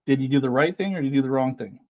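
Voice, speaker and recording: A man's voice: mid-range voice, rapid-fire, lo-fi sound. A man co-hosting a podcast, chatting casually and teasing his partner as he argues his view. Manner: teasing, argumentative. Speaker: podcast co-host. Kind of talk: casual chat.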